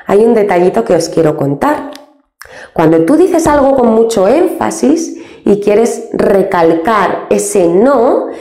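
A woman's voice: a little high, dark tone, echoey room. Patient woman teaching from Spain. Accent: Spain Spanish. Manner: slow, patient, spells out English examples. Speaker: English teacher. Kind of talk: step-by-step grammar lesson.

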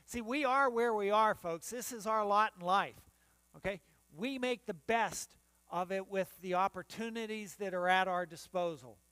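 An older American pastor preaches while standing and gesturing in front of the altar in a church sanctuary, his voice fairly high for a man, bright, forceful and smooth, at a moderate pace. He restarts his phrases often. The close-miked recording is dry and clean with no room sound, just a faint mains hum beneath.

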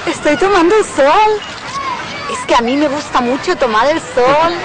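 Young Mexican woman, very high bright voice, cheerful lesson lines, noisy beach around her. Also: animated, normal speed. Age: 20s. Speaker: interviewee in a language lesson. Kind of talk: scripted lesson dialogue. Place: outdoors lying on a beach. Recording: crowd and street noise outdoors.

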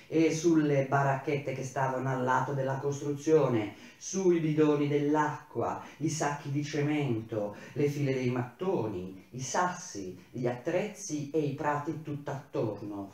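A man reading a novel aloud in a measured, steady storytelling manner. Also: mid-range voice. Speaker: reader. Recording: very echoey room.

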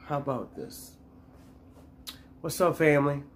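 A man's voice: a little high, measured pace, a little hiss or hum. A young man chatting casually on a family vlog from a living room couch, with laid-back teasing banter. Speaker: family vlogger.

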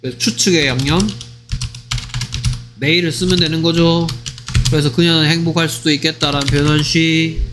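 A man teaching English grammar in a lively, teasing way, often checking whether students follow. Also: fairly high pitch, normal speed, long pauses, background noise. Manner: acts out short skits in other voices. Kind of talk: online grammar lecture.

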